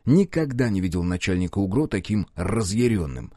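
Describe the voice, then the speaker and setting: A male narrator reads a first-person story with expressive irony, his pitch rising and falling widely. The sound is dry and close, with no room echo. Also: a little fast. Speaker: audiobook narrator.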